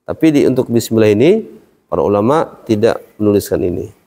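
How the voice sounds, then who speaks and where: In a long-reverb hall, a man teaching Quran recitation walks his class through the material step by step and tests them with questions. He talks a little fast, his fairly low voice animated and mellow.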